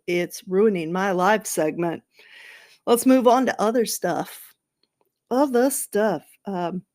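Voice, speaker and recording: A woman hosts her solo sports podcast after midnight. She talks at an unhurried, drawn-out pace with a sarcastic, gossipy edge, rambling from one story to the next. Now and then she breaks into a playful outburst. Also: mid-range voice. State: tired, late at night. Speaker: podcast host.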